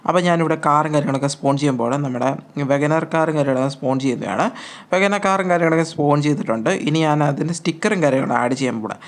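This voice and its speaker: A man hosting a gaming channel, giving chatty, repetitive step-by-step instructions as a voice-over on a mobile game tutorial. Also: on the high side.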